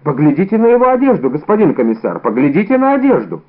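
A man voicing a frantic, pleading middle-aged haberdasher, high and desperate in an audiobook reading, over a tinny phone-like sound. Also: huge pitch swings, fast.

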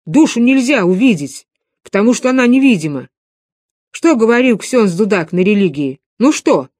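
A woman's voice: medium pitch, lively intonation, normal speed, darkish tone, no echo, clean studio sound, natural voice. A woman voicing an indignant, argumentative village boy who scolds and insists, read out in an audiobook.

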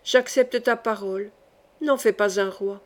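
A woman voicing a dying, weary king who speaks softly and confidingly in an audiobook reading. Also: unhurried, lightly acted. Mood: sorrowful. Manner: soft, low-voiced confiding.

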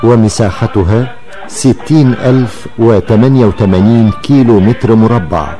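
Man, Egyptian accent, documentary narrator, formal and measured, lowish relaxed voice, faint music behind. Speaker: radio documentary co-presenter.

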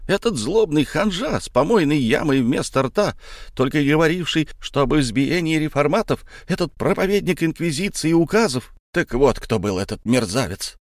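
Reading an audiobook, a man voices a passionate, jealous husband who swings between anger and grief, here furious and bursting out in impassioned jealous rage. He pitches his voice a little above his own, with lively intonation at a moderate pace, and the studio-quality recording is dry and lightly acted.

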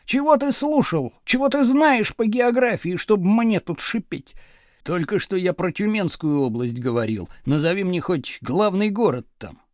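Casting: a man doing a strict, booming male geography teacher, high and lively, dry audiobook sound. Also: moderate pace, dry recording. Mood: scolding. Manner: booming, pressing.

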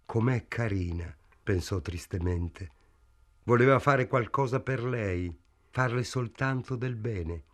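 A male audiobook narrator with a middle-pitched voice. He reads a novel in a measured, even way. His delivery is calm and literary.

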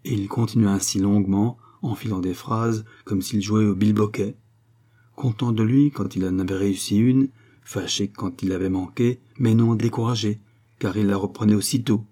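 A man narrating a classic novel in a measured, unhurried reading. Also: on the low side, fairly even intonation, warm tone. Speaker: audiobook reader. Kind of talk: literary audiobook narration.

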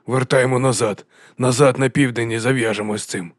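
A man's voice: medium pitch, fairly even intonation, a little fast, no echo, clean studio sound, natural voice. A man voicing a grim male warrior who speaks bluntly and growls his words. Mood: gruff. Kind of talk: audiobook character voice.

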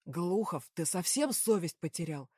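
Woman doing a raging male director, loud yelling, dry close sound, audiobook. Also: on the low side, expressive, normal speed, husky, dry recording. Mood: furious yelling. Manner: shouting, raising voice with each phrase. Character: furious male company director yelling at employee.

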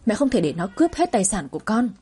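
A woman's voice: medium pitch, sing-song, fast talker, dark tone, husky. A woman storyteller voicing a stubborn middle-aged mother who complains and wails in a spoken audio story. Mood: alarmed. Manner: wailing, obstinate.

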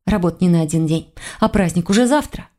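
A woman's voice: on the low side, quick pace, warm tone, close to an everyday voice. A woman reading an audiobook, voicing a thoughtful young woman who reasons carefully aloud. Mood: pondering.

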